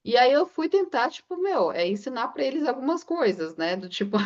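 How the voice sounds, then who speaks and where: A woman's voice: high voice, sing-song, normal speed, background noise. Chatty woman on a muffled call. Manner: rambling, anecdotal, frequent filler tags. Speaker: book club participant. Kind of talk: casual chat.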